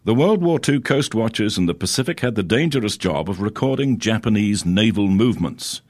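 A man's voice: fairly low pitch, lively intonation, brisk, darkish tone, dry recording, studio quality. A man, hosting a heritage radio show and introducing segments in a solemn scripted read.

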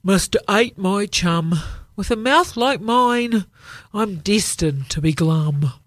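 A woman's voice: medium pitch, lively intonation, slow pace, a bit bright, no echo, clean studio sound. A woman doing a glum, pouting fish. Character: glum gloomy male fish with a pout.

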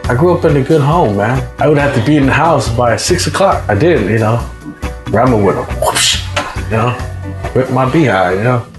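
A man's voice: medium pitch, lively intonation, normal speed. A Samoan man raised in California giving a candid, conversational personal testimony, often adding "you know". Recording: roomy sound with guitar music behind.

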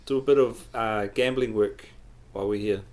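A man's voice: fairly low pitch, fairly even intonation, normal speed, a little mellow. A man chats as an interview guest, explaining his work in an easygoing, hesitant way. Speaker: guest, public health worker. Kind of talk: casual interview conversation.

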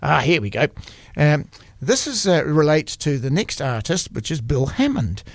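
A man hosting a community radio arts show, talking casually in a halting way that often stops to search for words. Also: fairly high pitch, sing-song, no echo. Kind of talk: casual radio talk about art exhibitions. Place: radio studio.

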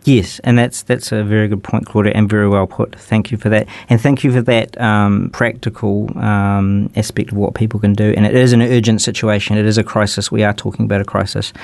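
A man's voice: on the low side, little pitch movement, a little fast, gravelly, hardly any pauses, darkish tone, no echo. A man with a New Zealand accent hosting a conversational radio interview in a rambling, repetitive, appreciative manner. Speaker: radio show host.

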